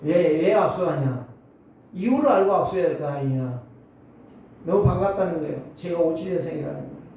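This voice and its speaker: Animated man in his 60s preaching. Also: fairly quick, a little hiss or hum. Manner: animated preaching, swinging between loud exclaims and low asides. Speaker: pastor. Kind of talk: sermon. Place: church sanctuary. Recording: very echoey hall, mic at a distance.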